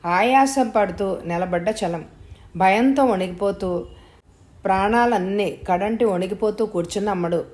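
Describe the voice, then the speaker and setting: Woman narrator, mellow tone, audiobook reading. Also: medium pitch, measured pace. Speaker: story narrator.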